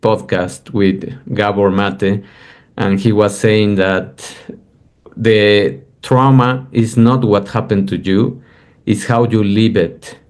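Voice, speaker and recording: Slow, low-voiced thoughtful man. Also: fairly even intonation, darkish tone. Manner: thoughtful, hesitant, many fillers. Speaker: podcast guest. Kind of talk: casual conversation.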